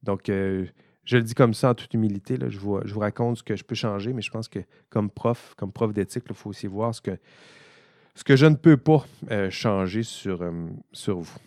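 Man, ethics professor, casual recorded lecture, talks straight to students, lowish voice. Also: moderate pace, darkish tone. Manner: informal, thinking aloud, addressing students directly.

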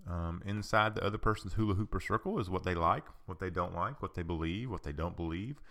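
A man giving an informal talk on personal boundaries, explaining patiently with rhetorical questions, frequent ums and an occasional cleared throat. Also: low voice, fairly quick, fairly bright tone. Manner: clears his throat often.

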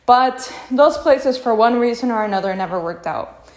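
A woman's voice: on the high side, expressive, normal speed. A young woman from Peru, hosting a casual podcast monologue, candid and chatty, laughing often and saying "like" and "you know" a lot. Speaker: podcast host.

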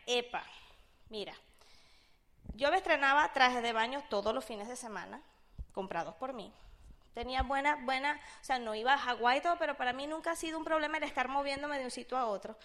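A high-pitched woman with a Venezuelan accent tells a personal story in a casual, chatty way. She is animated and jumps in pitch when she acts out what other people said. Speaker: speaker sharing a personal business testimony.

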